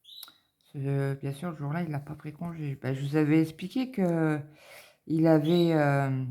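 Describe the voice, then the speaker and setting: Middle-aged woman chatting away nervously, low voice, repeats herself a lot. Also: fairly even intonation, measured pace, mellow. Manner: anxious, rambling, many fillers and repeats. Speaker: cross-stitch vlogger. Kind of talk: casual chatty monologue.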